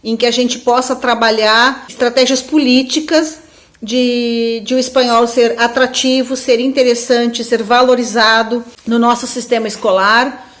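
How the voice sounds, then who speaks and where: A university professor with a southern Brazilian accent gives an informal webinar talk, her fairly high, bright voice steady and a little slow. She thinks aloud reflectively and keeps seeking agreement through frequent tag questions.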